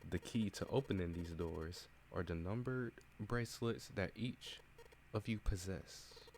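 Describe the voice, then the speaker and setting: A man's voice: low voice, measured pace, darkish tone, a little hiss or hum. Man reading as a cold, implacable masked captain. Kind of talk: reading a game aloud in voices.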